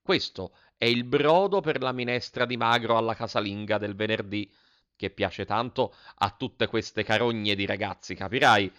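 A man's voice: mid-range voice, a bit bright, lightly acted. A man voicing a coarse, cynical middle-aged cook who explains things bluntly. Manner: blunt, scolding.

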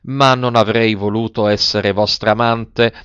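A man's voice: on the low side, steady tone, measured pace, fairly bright tone, smooth, no echo. A man reading the part of a haughty noblewoman full of sarcastic scorn, clipped and cutting in her replies. The sound is a little dull and muffled, dry with no room around it. It is an audiobook reading. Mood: bitter, ironic. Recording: slightly dull, dry close recording.

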